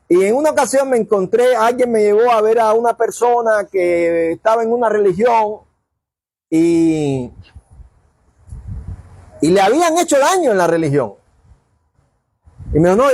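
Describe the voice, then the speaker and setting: A man's voice: sits high, breathy edge, no echo. A man preaching a sermon, telling stories and acting out the dialogue. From Cuba. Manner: animated storyteller acting out dialogue. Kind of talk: sermon storytelling.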